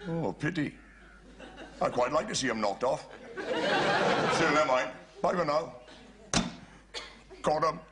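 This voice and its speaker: An actor playing a scheming Welsh army sergeant major in a TV sitcom, who chuckles and calls the men lovely boys. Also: male voice, a little high, lively intonation, takes it slowly, pauses often, heavy background noise. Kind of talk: 1970s TV sitcom acting.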